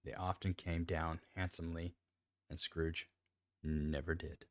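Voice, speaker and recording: A man's voice: deep voice, level tone, unhurried, dry recording, clean studio sound. A man reading a classic novel aloud, often stumbling, restarting lines and commenting on his own reading. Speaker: amateur reader.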